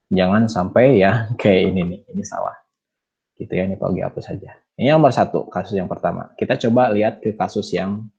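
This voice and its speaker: A man's voice: mid-range voice, a little mellow, husky, muffled recording. Chatty Indonesian male math teacher. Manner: casual, chatty explaining with many fillers and tags. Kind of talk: online math lesson.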